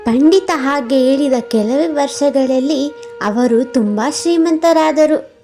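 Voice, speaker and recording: A woman narrating a cartoon moral story in a measured storytelling way. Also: high-pitched, mellow, faint music behind.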